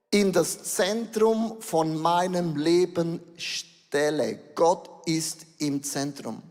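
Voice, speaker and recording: Middle-aged Swiss German preacher, animated delivery with slow stressed words, large reverberant hall. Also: male voice, sits high. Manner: animated, shifts between slow emphatic words and rapid bursts. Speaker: pastor. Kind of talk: sermon.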